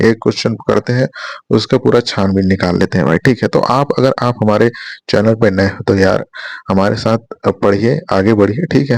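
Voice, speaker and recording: A man's voice: fairly low pitch, creaky, a little mellow, dry recording. A man teaching an exam prep lesson, quizzing listeners with repeated questions and checking in often. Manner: repetitive quizzing, rhetorical questions, frequent "thik hai".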